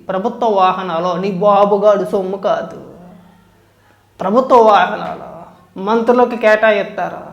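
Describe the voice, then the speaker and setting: A man's voice: sits high, roomy sound, highs cut off. A man in an angry political rant, scornful and insulting, repeating his jabs. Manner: heated, scornful, insulting, repetitive. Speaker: political commentator.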